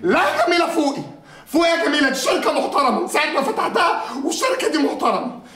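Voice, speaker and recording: An actor playing a pompous, bossy company owner, blustering and teasing in an Egyptian accent. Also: male voice, sits high, animated, fast talker. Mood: mocking. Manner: blustering, self-important, teasing. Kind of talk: comic film acting. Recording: film audio with room echo and music.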